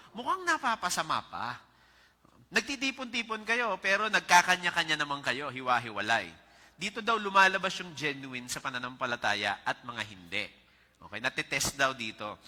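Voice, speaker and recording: A man's voice: high voice, sing-song, normal speed, bright, forceful tone. A Filipino man preaching a conversational sermon as pastor, mixing in English and chuckling as he tells stories. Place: church sanctuary. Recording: church hall reverb.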